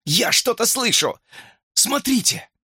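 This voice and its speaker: A man voicing an excitable boy who shouts with eager, high-pitched cries in an audiobook. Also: slow, slightly rough, dry recording, clean studio sound, full character voice. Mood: excited.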